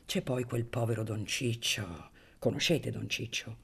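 A woman's voice: rumbling low, measured pace, creaky, slightly rough, voice pushed down, heavily acted. A woman voicing an affable, plump middle-aged male judge who chats in a bantering, confiding way, in a radio reading of a novel.

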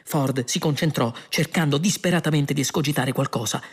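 A man reading a comic science-fiction novel aloud as a steady storybook narration. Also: a little high, a little fast, breathy edge. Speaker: audiobook reader.

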